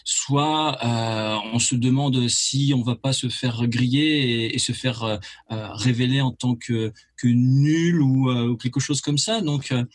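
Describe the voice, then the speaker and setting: A man, a musician being interviewed, who talks in a hesitant, halting way with many repeats and fillers. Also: medium pitch, steady tone. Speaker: musician and label head, interview guest. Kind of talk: casual interview talk.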